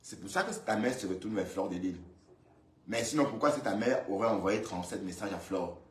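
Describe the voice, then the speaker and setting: A man from Cameroon giving casual commentary on a live video, lively and scolding, often repeating himself as he talks straight to the woman he reacts to. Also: lowish voice, fairly quick. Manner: lively, scolding and repetitive, addressing her directly. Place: indoors, in Brussels. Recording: roomy echo.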